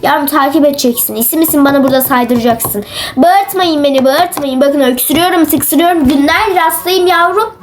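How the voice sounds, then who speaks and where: Woman doing a high-voiced moaning teacher, fake-sick, nagging the class. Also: brisk, soft background music, lightly acted. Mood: whiny scolding. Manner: whiny, complaining, scolding pupils. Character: lazy grumbling woman teacher pretending to be sick. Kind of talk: comic role-play.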